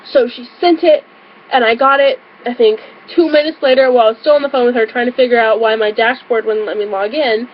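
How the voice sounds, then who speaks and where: A woman's voice: fairly high pitch, fairly even intonation, fairly quick, highs cut off, slight background noise. A young adult woman telling a story on her vlog in a casual way. She giggles often and fills her sentences with "um" and "like". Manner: bubbly, giggly, frequent fillers. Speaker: vlogger.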